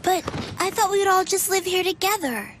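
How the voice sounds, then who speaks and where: Very high, cheerful little anime boy. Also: animated, fairly quick, noisy background. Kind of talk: English anime dub acting. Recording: music behind the voice.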